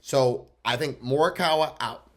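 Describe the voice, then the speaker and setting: A young man co-hosting a casual sports podcast, talking in a blunt, excitable way and swearing freely. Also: mid-range voice, unhurried. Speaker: podcast co-host.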